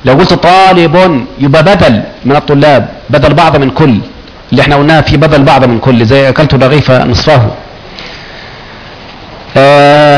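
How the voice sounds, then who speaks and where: A man with an Egyptian accent teaching Arabic grammar to a class, quizzing the students and chanting examples slowly. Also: a little high, rough recording.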